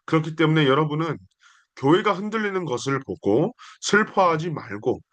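A young man delivers a sermon in an earnest, declamatory way. His fairly high voice rises and falls with lively movement as he stacks one repeated phrase on the next. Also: normal speed. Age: young adult. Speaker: preacher. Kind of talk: sermon with scripture reading.

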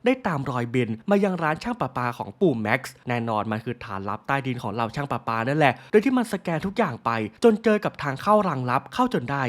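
A man's voice: mid-range voice, big pitch swings, fast, hardly any pauses. A man narrating a cartoon episode recap in a casual, chatty, slangy storytelling manner.

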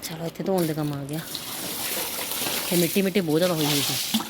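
A woman's voice: sits low, fairly quick. A woman chatting casually to viewers in a daily home vlog, often checking in with little tag questions. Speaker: home vlogger and mother. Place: around the house, partly outdoors. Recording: noisy handheld home recording.

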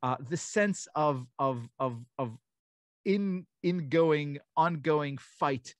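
Speaking slowly at a fairly high pitch, this middle-aged man from Israel, an author and guest speaker, joins an online lecture conversation from his home study via a desk mic on a video call. There's no echo as he reflects through stories, restarting often, using fillers, and animating the voices he quotes.

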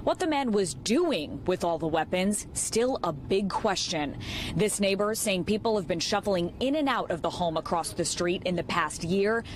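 A woman's voice: medium pitch, animated, normal speed, slight background noise. An American woman in her thirties delivering a scripted television news report.

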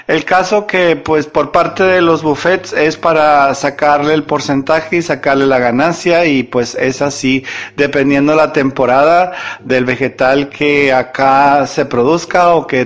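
A man with a slightly high voice hosts a cooking show, chatting and rambling casually. He talks to the viewer as if to a friend and often corrects himself.

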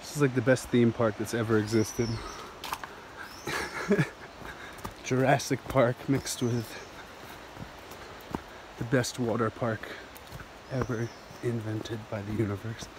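A man's voice: medium pitch, fairly even intonation, slow pace, pauses often, noisy background. A man in his thirties talking into a handheld phone while hiking down a steep jungle trail, enthusiastic and rambling, laughing often. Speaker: vlogger. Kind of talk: walking vlog narration. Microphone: phone camera held at arm's length.

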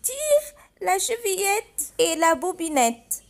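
A woman's voice: very high-pitched, very animated, slow, pitched above the performer's own voice, heavily acted. A woman voicing a kindly, cheerful old grandmother over seventy in a storybook, with a thin, quavering voice.

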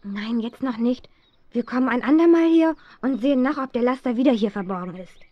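Playing an eager, insistent teenage girl sleuth in a 1970s German children's radio drama, a woman sounds excited and determined as the plucky, headstrong heroine. Her natural voice is a little high and brisk, captured without room sound on a dull, muffled vintage recording.

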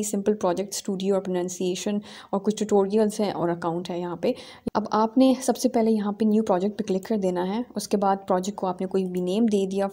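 Woman, tutorial host, mellow tone, step-by-step explanation, casual fillers. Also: medium pitch. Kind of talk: screen-recorded software tutorial.

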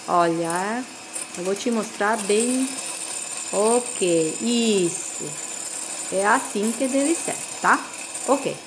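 Slow, higher-voiced woman with Italian accent. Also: slight background noise. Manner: halting, searching for words in a second language. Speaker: home cooking host. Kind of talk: casual recipe voice-over.

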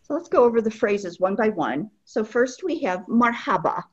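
A woman teaching a language lesson, speaking patiently and repeating each phrase slowly so learners can follow. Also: on the high side, expressive, breathy edge, highs cut off. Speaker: Arabic teacher.

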